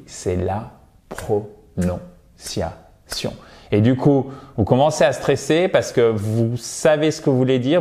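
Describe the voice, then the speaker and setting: A French-speaking man giving a video English lesson, repeating words slowly and checking with "ok?" often. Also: medium pitch, darkish tone. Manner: repeats words slowly to drill them, frequent "ok?". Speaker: English teacher. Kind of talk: video lesson, explaining and modelling pronunciation.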